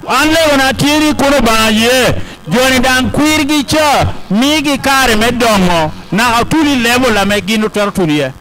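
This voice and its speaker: A man's voice: very high voice, normal speed, few pauses, pushed and bright, poor audio. A man acting as interpreter, relaying a podium speech aloud phrase by phrase. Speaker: consecutive interpreter at a ceremony.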